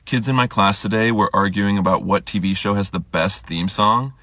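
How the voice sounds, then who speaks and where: A man, a substitute teacher, explaining made-up slang in a playful deadpan comedy monologue. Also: lowish voice, normal speed, dry recording. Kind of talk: comedic social media monologue.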